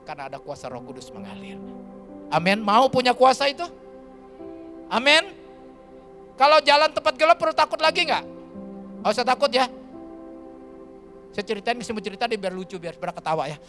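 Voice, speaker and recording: Male pastor from Kalimantan, high voice, chatty storytelling sermon over background music. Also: a little fast, pauses often. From Kalimantan, Indonesia. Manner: lively, colloquial, keeps addressing the congregation. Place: church.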